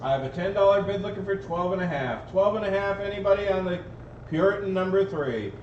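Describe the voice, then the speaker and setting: A man with a high, darkish voice calls bids fairly quickly and repetitively as an auctioneer at a live auction, mixing in folksy, casual banter. He's in an auction gallery room on a livestream, and the recording is roomy, dull and noisy, picked up by a distant mic.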